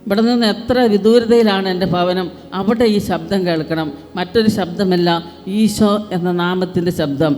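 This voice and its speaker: A man leading a charismatic group prayer at a retreat, fervent and building to shouted exhortation. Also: high voice, moderate pace. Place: large retreat-centre prayer hall. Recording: reverberant hall with faint music.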